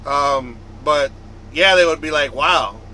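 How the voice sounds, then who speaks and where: A man's voice: a little high, slow pace, bright, forceful tone, slight background noise, rough recording. A man from the United States, a trucker vlogger, talking casually to his viewers in a rambling, conversational way that circles back and repeats. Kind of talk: casual vlog talk to viewers.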